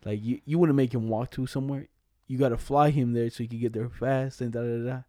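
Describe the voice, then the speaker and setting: A young man in casual co-host banter, telling stories in a slangy, profane, animated way. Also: mid-range voice, quick pace, no echo, clean studio sound.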